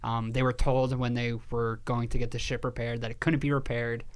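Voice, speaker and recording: A man co-hosting a podcast in casual chat, telling a story with lively energy, swearing casually and laughing at himself. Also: medium pitch, fairly quick. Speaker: podcast co-host.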